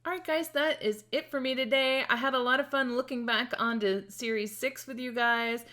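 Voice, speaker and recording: A woman's voice: a little high, steady tone, normal speed, sharp tone. A woman hosting a casual video review, chatty and rambling, restarting sentences and laughing as she talks. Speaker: series reaction host.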